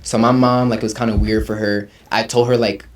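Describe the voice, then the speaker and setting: With a voice on the low side and a fairly quick pace, a twentysomething Ugandan rapper chats loosely during an interview. His speech is laid-back and slang-heavy, with frequent "you feel me"s.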